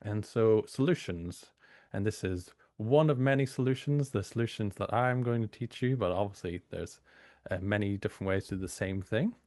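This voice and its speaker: A British university lecturer, a man a bit hoarse from a cold, giving an informal training talk full of fillers. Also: on the low side, moderate pace, a little mellow, no echo, clean studio sound. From United Kingdom. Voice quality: gravelly.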